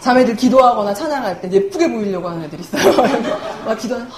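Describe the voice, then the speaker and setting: A young woman with a voice on the high side preaches a humorous sermon fast, her intonation lively, with a crowd audible in the background. Chatty and self-mocking, she laughs often as she talks. The church hall setting sounds echoey, with faint room noise.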